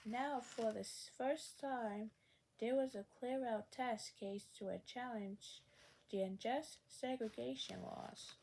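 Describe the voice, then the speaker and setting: A woman reading a children's biography aloud, slowly and haltingly, often repeating words and correcting herself. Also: on the high side, creaky, darkish tone, poor audio. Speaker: reader.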